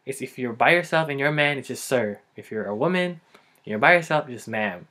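A man's voice: fairly high pitch, expressive, quick pace, pushed and bright. A young man with a Filipino accent talking casually in a comedic vlog, rambling with many fillers. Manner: chatty, rambling, lots of likes and ums. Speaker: vlogger.

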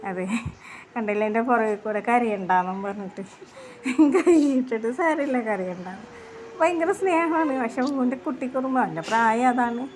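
A woman's voice: on the high side, moderate pace, darkish tone. A woman, chatting tiredly and plaintively to her subscribers about running her shop with her kids. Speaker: vlogger who runs a small tea shop. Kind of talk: casual vlog talk to subscribers. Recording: noisy background with traffic.

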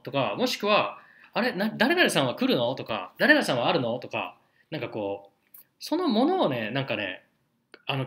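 A man teaching a casual video lesson, explaining in a chatty, animated way with spoken examples. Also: medium pitch. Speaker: English teacher.

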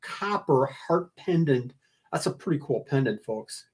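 An older man with a husky voice, hosting a casual livestream giveaway, chatting and joking as he reads out a list of gifts. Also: medium pitch, animated, a little slow, a little mellow. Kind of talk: casual giveaway announcement, reading out gift list. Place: indoor room, livestream.

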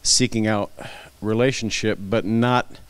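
A man on a church stage panel, sharing his testimony in a thoughtful, measured way with frequent uhs, into a handheld mic. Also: on the low side, steady tone, smooth, no room sound. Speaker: panel guest. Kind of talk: personal testimony.

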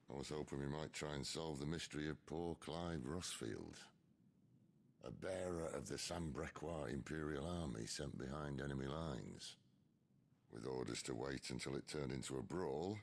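Raspy, gravelly rebel leader. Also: male voice, a bass voice, exaggerated voice. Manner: dry, measured, knowing. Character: gruff, wry middle-aged male rebel leader. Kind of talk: video game voice acting.

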